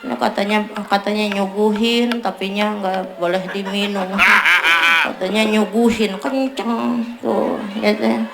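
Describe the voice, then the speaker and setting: Speaking at a measured pace in a creaky, mid-range voice with fairly even intonation, a woman preacher from Tangerang, Indonesia, teases the crowd during a humorous sermon. The setting is a neighborhood religious gathering marking a community celebration. The recording, made through a sound system, is noisy and echoey.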